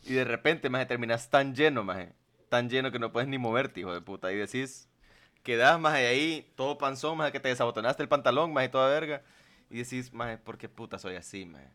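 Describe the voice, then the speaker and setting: A man's voice: mid-range voice, fairly quick, a bit bright. A man, co-hosting a podcast in crude, joking banter and acting out little scenes. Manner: crude, joking, acts out voices. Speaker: podcast co-host.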